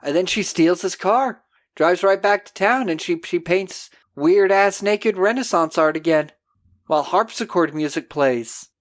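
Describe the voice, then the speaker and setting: A man hosting a podcast, recapping a film in a casual, animated, jokey way. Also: high-pitched, measured pace. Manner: animated storyteller, jokey, acting out scenes. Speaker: podcast host.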